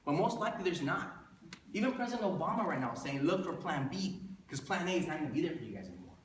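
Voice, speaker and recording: A thirty-year-old motivational presenter pitches a business plan to an audience in an indoor room, talking conversationally with rhetorical questions and repeating himself for emphasis. His voice is a little high, very animated and fast, and the distant mic picks up an echoey room with faint noise.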